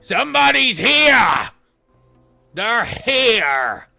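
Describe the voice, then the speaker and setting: A man voicing a loud, excitable talking mace that yells from across the room. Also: extremely high pitch, very slow, creaky, soft background music, pitched above the performer's own voice, heavily acted. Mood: alarmed shouting.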